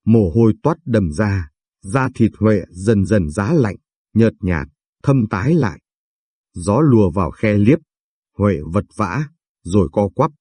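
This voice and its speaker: Dark, husky-voiced male storyteller. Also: lowish voice, lively intonation, measured pace, no room sound, clean studio sound. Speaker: narrator. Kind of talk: scripted story narration.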